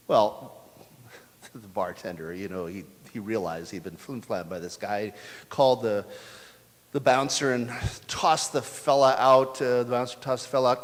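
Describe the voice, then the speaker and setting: A man telling rambling, folksy jokes to a church congregation. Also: mid-range voice. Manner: rambling, folksy, with fillers and restarts. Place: church sanctuary. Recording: long church reverb.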